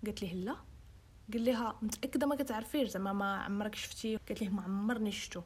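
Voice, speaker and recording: This young host with a Moroccan accent races through a true-crime story in casual chat, her medium-pitched voice steady in tone with a breathy edge. She switches into English and gives voice to the quoted dialogue.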